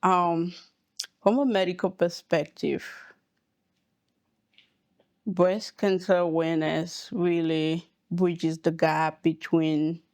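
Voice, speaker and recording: Slow, measured woman from Cameroon. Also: fairly low pitch, a little mellow, no room sound. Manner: slow, measured explanations with pauses. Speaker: hematologist oncologist guest. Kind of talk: podcast interview.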